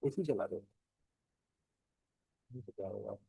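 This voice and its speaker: A man's voice: lowish voice, slow, gravelly, mellow, husky, dry recording. A male teacher with a Hindi accent giving a classroom geography lecture, explaining step by step, checking in with his students and asking them questions. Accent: Indian Hindi. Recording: dry, dull lo-fi classroom recording.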